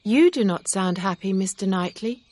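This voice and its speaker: A woman reading aloud, voicing an earnest young gentlewoman who speaks with emotion. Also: medium pitch, expressive, moderate pace, pitched above the performer's own voice, lightly acted.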